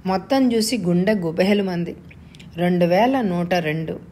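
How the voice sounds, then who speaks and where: A woman reading a story aloud as narrator in a steady, measured way. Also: on the low side, slight background noise. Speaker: story reader.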